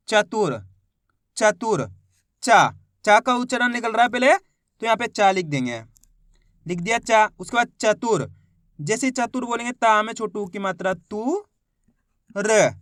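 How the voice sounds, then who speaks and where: Male reading teacher, high-pitched, dry close sound, patient syllable-by-syllable delivery. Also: sharp tone, no echo. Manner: sounds out syllables slowly, asks pupils questions. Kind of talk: step-by-step spoken lesson.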